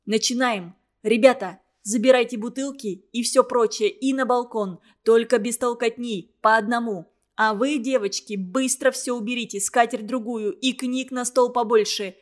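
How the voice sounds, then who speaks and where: A woman voicing a brisk young student leader giving orders. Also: a little high, steady tone, lightly acted. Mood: commanding.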